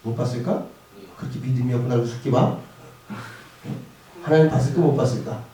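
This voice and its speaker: A male pastor giving a lively sermon to students in a school chapel, often asking them questions. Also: medium pitch, fairly quick. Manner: lively, asks the audience questions. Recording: echoey hall from far off.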